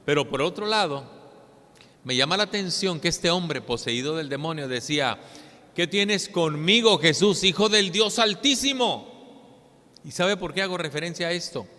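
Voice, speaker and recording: Mexican pastor guy preaching, bright voice, a bit high, big hall echo. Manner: expressive preaching, swings between loud and hushed. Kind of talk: sermon.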